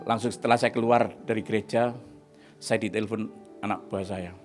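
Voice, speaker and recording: A man giving a testimony sermon as a pastor in a church service, dramatic, swinging from hushed to shouting. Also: lowish voice, steady tone, normal speed, soft background music.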